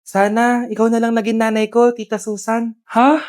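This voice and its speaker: A woman performing short comedy skits and playing every role herself, switching between shrill and low character voices. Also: flat delivery, normal speed, darkish tone. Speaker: comedy skit creator playing every part. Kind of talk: comedic skit acting with many characters.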